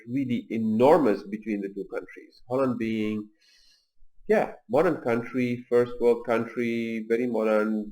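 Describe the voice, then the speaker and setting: A man in his forties, raised in Tunisia, hosting a video and telling personal stories in a calm, measured way with pauses and fillers. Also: mid-range voice. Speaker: video host. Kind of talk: personal reflective talk.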